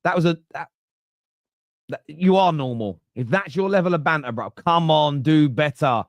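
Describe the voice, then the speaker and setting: A man's voice: fairly high pitch, animated, normal speed, creaky, dry recording. A man in his late thirties hosting a live football fan podcast, chatty and joking. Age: 30s. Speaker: podcast host.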